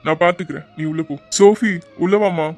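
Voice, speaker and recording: A performer voicing a gentle, protective village man in an animated drama, calm and reassuring. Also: medium pitch, fairly quick, close to an everyday voice. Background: music.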